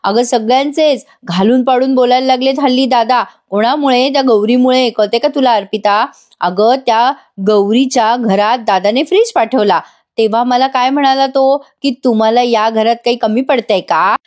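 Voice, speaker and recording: An aggrieved middle-aged man complains resentfully and nags, as a woman narrator voices him. He keeps to a fairly high, everyday tone. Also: moderate pace, a little mellow, close to an everyday voice.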